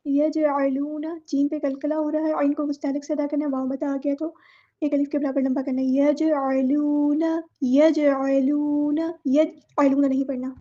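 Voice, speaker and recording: A woman teaching a word-by-word tajweed lesson, explaining each letter patiently and then reciting the words slowly. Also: high voice, level tone, mellow, muffled recording.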